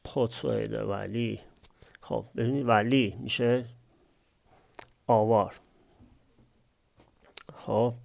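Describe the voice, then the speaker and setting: Male language tutor, low and raspy, patient question-and-answer explaining. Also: steady tone, long pauses, darkish tone. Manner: asks and answers his own questions. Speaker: language teacher. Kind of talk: explaining a text line by line.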